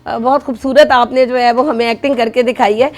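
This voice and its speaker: A woman's voice: on the high side, steady tone. A woman interviewer asking polite, curious questions. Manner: polite, inquisitive.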